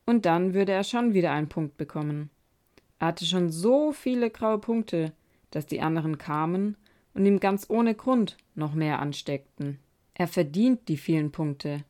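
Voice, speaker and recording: A woman podcast host reading a children's story aloud in a calm, measured way. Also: on the low side.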